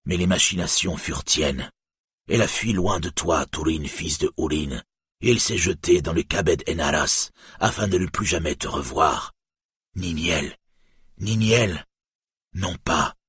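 Man playing a bitter, anguished storybook cripple, low husky voice. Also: measured pace, fairly bright tone, no echo, studio quality, full character voice. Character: lame man, bitter, grief-stricken.

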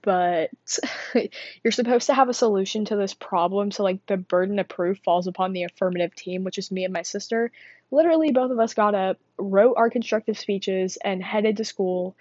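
A teenage girl talks casually and a bit out of breath, her middle-pitched voice wandering from thought to thought with lots of fillers. The sound is dull and dry, recorded close in a small quiet space. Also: moderate pace, dry recording. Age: teens. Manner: rambling, chatty, self-deprecating with frequent fillers. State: winded, out of breath. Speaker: student vlogger. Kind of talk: casual rambling monologue.

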